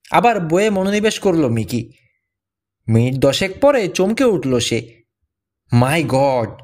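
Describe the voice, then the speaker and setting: A man narrating an adventure story, reading every character's lines in his own voice. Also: on the high side. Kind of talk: scripted audiobook narration.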